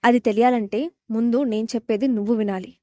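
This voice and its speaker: A woman's voice: fairly high pitch, steady tone, a little fast, warm tone, no echo, studio quality, lightly acted. A woman reading the part of a stubborn, defiant young woman in a romance audio story, speaking with threats and demands. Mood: angry.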